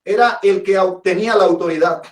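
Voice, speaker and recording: A man's voice: sits high, brisk. A pastor preaching a sermon, telling a personal testimony with dramatic storytelling and calling his listeners brothers and sisters. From Guatemala. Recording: echoey, from a distance.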